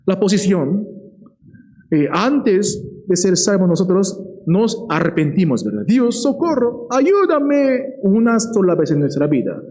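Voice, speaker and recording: A man preaching a sermon in a lively way. He often checks in with the listeners and slows down to stress key words. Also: sits high, rough recording.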